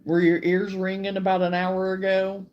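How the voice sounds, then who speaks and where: Talking from her rural home on a laid-back crochet live stream, the middle-aged host keeps up a chatty flow and takes her time greeting commenters. Her medium-pitched voice is monotone, and the sound is lo-fi.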